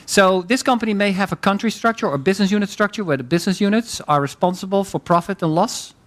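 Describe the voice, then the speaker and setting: A man leads a seminar in a conversational teaching style, often affirming participants with frequent interjections. His voice sits high and is fast and a bit bright.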